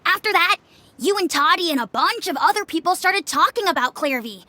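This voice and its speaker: A woman's voice: very high-pitched, pushed and bright, full character voice. A woman voicing a smug, callous youngster in a video game, taunting and matter-of-fact as an informer. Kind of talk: scripted video game acting.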